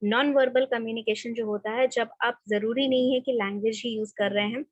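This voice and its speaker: A woman's voice: fairly high pitch, steady tone, fairly quick, dry recording, dull audio. A woman college lecturer teaching an online class, mixing in English and often checking "theek hai". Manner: explains in Hindi mixed with English, often adds "theek hai". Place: home or office desk, online class. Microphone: computer mic, screen share.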